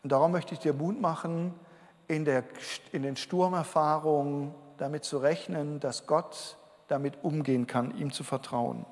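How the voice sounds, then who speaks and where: A man's voice: a little high, fairly even intonation, moderate pace, a little mellow. A man giving an earnest sermon to a congregation, explaining Bible verses. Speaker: pastor. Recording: long hall reverb.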